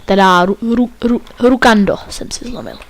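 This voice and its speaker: High-pitched guy goofing around on a let's play, jokey game commentary. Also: slight background noise. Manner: joking, playful exclamations.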